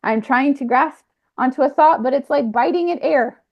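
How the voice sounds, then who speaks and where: Woman's halting reflective monologue, muffled. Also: sits high. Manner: halting, with frequent fillers and restarts. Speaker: speaker sharing a personal spiritual account. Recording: slightly muffled lo-fi recording.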